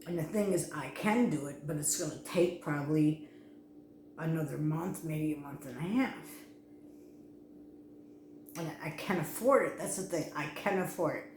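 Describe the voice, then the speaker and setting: A woman's voice: deep voice, moderate pace, pauses often, darkish tone, a little hiss or hum. Anxious rambling woman in an echoey room. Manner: anxious, rambling, frequent restarts. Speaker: vlogger. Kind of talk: casual personal vlog. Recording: echoey room with faint ambience.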